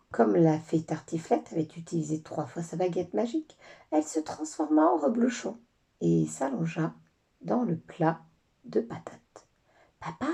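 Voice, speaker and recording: A woman teacher reading children's stories aloud with lively, expressive storytelling. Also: lowish voice, vocal fry, husky.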